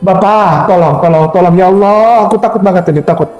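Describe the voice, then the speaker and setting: A man voicing a frightened man who begs in prayer to be spared, in a low, pleading tone. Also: brisk, lo-fi sound, lightly acted. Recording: roomy sound with faint music.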